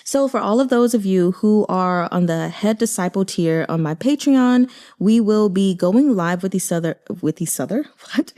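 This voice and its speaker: Hosting her reading channel, this woman, who also reads audiobooks, offers relaxed reaction chat and announcements, conversational and emphatic as she voices her views directly. Her medium-pitched voice is mellow and expressive, at a moderate pace.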